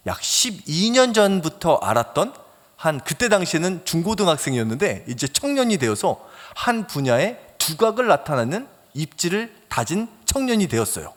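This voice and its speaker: A man pastor preaching a sermon in a lively, animated way, swinging between loud emphasis and soft near-whispers and acting out quoted phone talk as he tells a story. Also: fairly high pitch, moderate pace. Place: church sanctuary. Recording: long church reverb.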